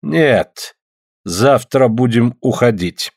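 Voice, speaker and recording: A man voicing a fierce northern native man who speaks broken Russian in slow, drawn-out words. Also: medium pitch, animated, creaky, darkish tone, no echo, studio quality, exaggerated voice. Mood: shouting, terse.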